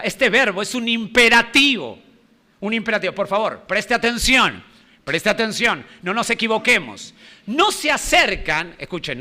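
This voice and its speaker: High-voiced, emphatic male preacher. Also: sharp tone. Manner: emphatic, repeats key phrases, quizzes the congregation. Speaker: pastor. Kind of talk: sermon.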